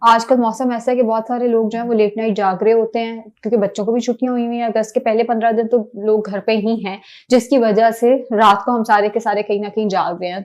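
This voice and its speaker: Woman, diet plan instructions, fairly high voice. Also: a little mellow. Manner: plain step-by-step instructions mixed with English words. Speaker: diet planner.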